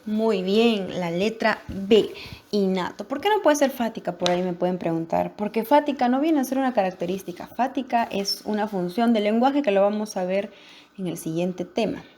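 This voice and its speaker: A woman's voice: medium pitch, dark tone, a little hiss or hum. A woman teacher going through practice exam questions, asking the class for each answer and affirming it. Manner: questioning, pausing for answers, affirming "muy bien". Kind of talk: guided exam-practice lesson.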